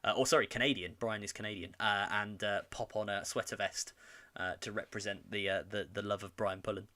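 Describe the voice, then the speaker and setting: Bright-voiced chatty man. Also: fairly low pitch, steady tone, a little fast, dry recording. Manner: chatty, rambling, reads out viewer comments. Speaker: co-host. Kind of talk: casual hobby chat livestream.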